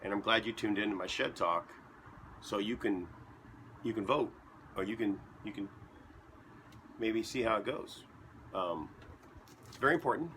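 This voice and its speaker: Low-voiced rambling man with bright tone. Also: a little hiss or hum. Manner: rambling, deadpan, joking asides; talks while chewing. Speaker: vlogger. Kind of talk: casual rambling monologue to camera. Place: basement.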